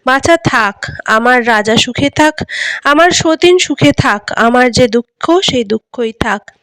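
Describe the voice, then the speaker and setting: A woman's voice: on the high side, expressive, slow pace, a bit bright, dry recording, studio quality, heavily acted. A woman voicing a grieving elder queen from a storybook, mournful and tender in her pleading.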